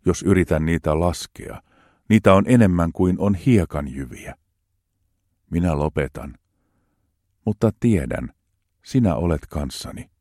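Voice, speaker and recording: A man reading psalms aloud in a slow, measured, solemn way. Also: low-pitched, warm tone, no room sound, clean studio sound. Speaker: scripture reader.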